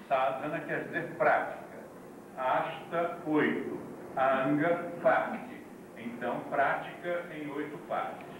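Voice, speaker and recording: Man lecturing on an old VHS tape. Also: on the high side. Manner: deliberate, explains terms one by one, with asides to the class. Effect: old VHS tape recording. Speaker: yoga teacher. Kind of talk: classroom lecture. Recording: echoey, distant, noisy old VHS recording.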